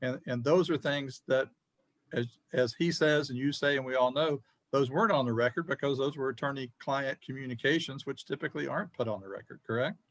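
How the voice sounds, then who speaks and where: A man's voice: mid-range voice, fairly quick, a bit bright. A man questioning counsel from the appellate bench, skeptical and probing. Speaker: appellate judge. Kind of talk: appellate oral argument.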